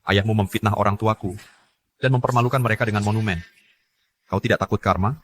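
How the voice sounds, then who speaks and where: A wronged young hero voiced by a man in a drama dub who is set on clearing his parents' name. His voice sits a little low. He speaks with intense resolve. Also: fairly even intonation, quick pace, fairly bright tone, slight background noise, lightly acted. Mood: resolute. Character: wronged young male hero, son-in-law. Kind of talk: dubbed drama acting.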